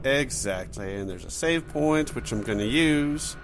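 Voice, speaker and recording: A man's voice: medium pitch, expressive, a little slow, background noise. A man hosting a let's play, giving casual, joking, conversational gameplay commentary. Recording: game music behind the voice.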